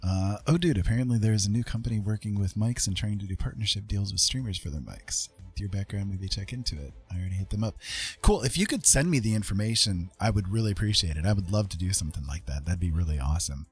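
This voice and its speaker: Fast and expressive, his lowish voice carrying a breathy edge, this former radio host rambles informally to livestream viewers as music plays.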